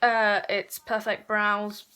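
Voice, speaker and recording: A woman's voice: mid-range voice, level tone, slow pace, sharp tone, clear, resonant tone. A woman chatting her way through a makeup tutorial, rambling and correcting herself as she goes. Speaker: beauty vlogger.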